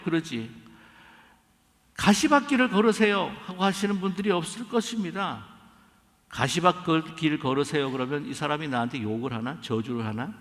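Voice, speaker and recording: A man's voice: high voice, creaky, pushed and bright. Emphatic preaching man in a reverberant church. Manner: emphatic preaching, acts out quoted dialogue. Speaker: pastor. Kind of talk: sermon. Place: church sanctuary.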